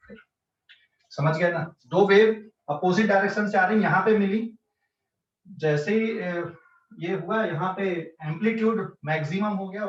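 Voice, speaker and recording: A man teaching physics in an online class, explaining step by step and checking often whether students follow, with a central Indian accent. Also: high voice. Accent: Hindi-English mixed speech, central Indian. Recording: echoey distant lo-fi online class.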